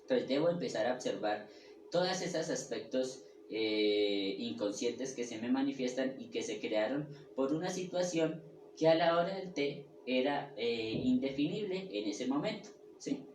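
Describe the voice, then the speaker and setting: A man giving a spiritual lecture, halting and restarting as he goes and checking in often with his listeners. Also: medium pitch, lively intonation, darkish tone. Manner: halting, with restarts and repeated words. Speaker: spiritual teacher. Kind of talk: lecture on the ego and personality. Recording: echoey room, mic far off, faint ambient noise.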